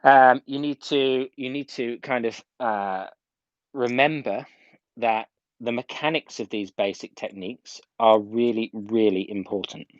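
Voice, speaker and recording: A man with a mid-range voice speaks unhurriedly as a hairdressing instructor, running a casual, step-by-step live video tutorial from home and repeating key points for emphasis. The audio is dull, with no room sound.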